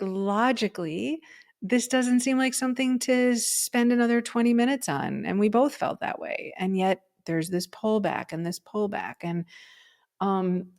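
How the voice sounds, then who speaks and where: Telling a personal story on a podcast she co-hosts, a woman speaks in a mid-range voice with a darkish tone. Her style is casual and chatty, with lots of "um" and "right?" along the way.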